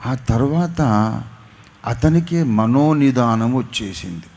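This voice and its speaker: A man's voice: lively intonation, slow pace. A male pastor with a Telugu accent preaching a sermon, acting out an anecdote with sudden rises and drops in voice. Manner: dramatic storytelling, voicing characters with swings in pitch and loudness. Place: church gathering.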